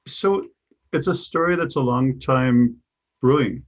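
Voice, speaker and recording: A middle-aged man with a Chicago accent answers interview questions as a guest, working as a business coach. His voice is medium in pitch and a little slow, and he sounds thoughtful, often repeating words as he restarts.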